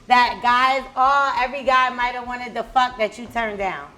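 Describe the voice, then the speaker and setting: A woman's voice: fairly high pitch, fairly even intonation, normal speed, bright, forceful tone. A woman co-hosting a radio show, asking teasing, pushy questions in casual chat. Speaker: co-host.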